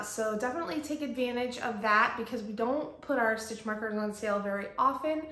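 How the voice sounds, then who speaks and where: A woman's voice: medium pitch, fairly bright tone. Woman talking in an echoey empty room. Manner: chatty, with many ums and uhs. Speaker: podcast host and shop owner. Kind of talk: casual chat. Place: empty home office with bare walls.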